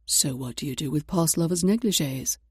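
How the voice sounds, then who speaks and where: A woman's voice: deep voice, fairly quick, a little mellow, slightly rough, no room sound, clean studio sound, voice pushed down. A woman voicing a suave, reserved man, the love interest in a romance audiobook, in clipped lines. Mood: cool, curious. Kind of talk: audiobook character voice.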